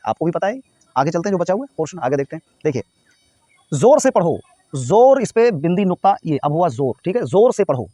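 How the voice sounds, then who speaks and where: A man's voice: on the high side, mellow, no room sound. A man from North India teaching everyday English phrases, explaining each one and spelling words out letter by letter. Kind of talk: spoken English lesson.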